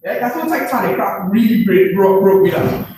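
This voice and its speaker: High-voiced man, echoey room, far off. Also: normal speed, darkish tone. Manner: keeps checking in with the room, asking 'right?'; repeats phrases for emphasis. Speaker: presenter at a business information session. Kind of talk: motivational talk to a live group. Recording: very echoey room, far from the mic, faint noise.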